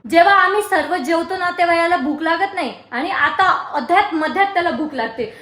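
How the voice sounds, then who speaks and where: A woman's voice: extremely high pitch, fairly quick, fairly bright tone, echoey room. A woman, chatting casually and teasing family in a home vlog. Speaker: vlogger.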